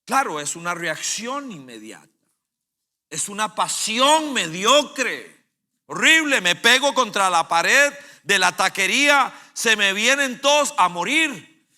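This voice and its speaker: A male pastor preaches with vivid storytelling. His voice is high for a man and very bright and forceful, and he swings from loud bursts to hushed, low phrases. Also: sing-song, slow pace. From Costa Rica. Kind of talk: sermon.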